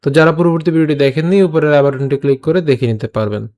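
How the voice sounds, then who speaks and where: রাগী নয়, ধৈর্যশীল বাঙালি পুরুষ শিক্ষক. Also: male voice, fairly high pitch, racing, darkish tone. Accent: Bengali. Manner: explains patiently, breaks words into syllables and repeats them. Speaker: Gita recitation teacher. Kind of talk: online lesson with slow syllable-by-syllable recitation.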